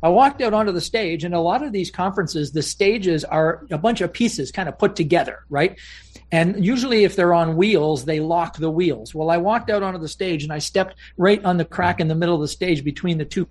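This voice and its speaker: Male guest speaker, high-pitched, anecdotal storyteller with comic timing. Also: a little fast. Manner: anecdotal, punchline-driven, laughs easily. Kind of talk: storytelling interview talk.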